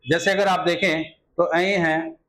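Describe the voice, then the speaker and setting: Male grammar teacher, high-pitched, exam-prep lesson, repetitive rhetorical style. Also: little pitch movement, unhurried, a bit bright, poor audio. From India. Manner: repetitive filler phrases, rhetorical questions to students.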